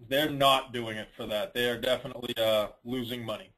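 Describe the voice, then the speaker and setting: A man with a mid-range, a bit bright voice talks a little fast with fairly even intonation, heard on a rough recording. He is the host of a dealer network conference call, handling questions in an informal Q&A. He gives advice bluntly and colloquially, repeating points for emphasis.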